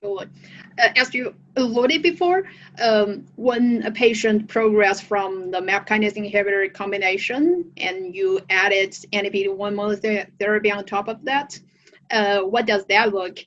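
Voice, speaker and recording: A woman's voice: mid-range voice, measured pace, a bit bright, muffled recording. A woman interviewing a doctor, asking a question in a hesitant way.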